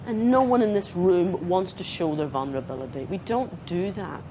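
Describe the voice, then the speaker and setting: An Australian woman giving a conference talk as a trauma therapist, animated and acting out dialogue with clients. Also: fairly low pitch, normal speed, a little hiss or hum. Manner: animated, acts out client dialogue, talks with her hands. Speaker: trauma therapist presenting to counsellors. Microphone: not handheld, clip-on.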